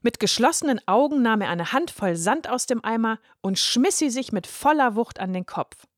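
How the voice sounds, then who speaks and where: A woman narrating a children's story with a clear, even read-aloud delivery. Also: fairly high pitch, normal speed, no echo, studio quality.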